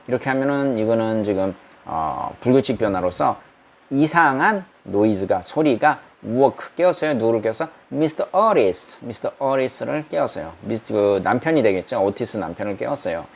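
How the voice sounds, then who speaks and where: In a small, non-studio room, a male English lecturer teaches a university reading class, reading English sentences slowly before explaining them in Korean and posing questions to the students. His voice sits in the mid range.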